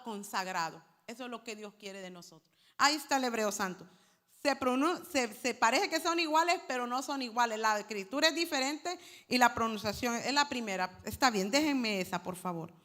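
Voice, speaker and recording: Woman preaching with bright, echoing voice. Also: fairly high pitch. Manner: addresses congregation as brothers, teaching Hebrew words. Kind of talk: sermon. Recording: hall reverb.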